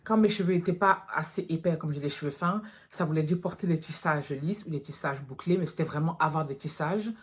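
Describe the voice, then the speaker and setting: A woman's voice: low-pitched, brisk, few pauses. A woman in her thirties from France, talking to her viewers in a casual vlog, frank and direct, calling them girls. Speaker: natural hair vlogger.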